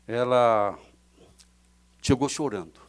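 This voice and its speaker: A middle-aged man with a Brazilian accent, a pastor preaching a fervent sermon in church, swelling loud and dropping soft. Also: medium pitch, slow, clear, resonant tone. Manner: fervent preaching with sudden swells and drops in loudness.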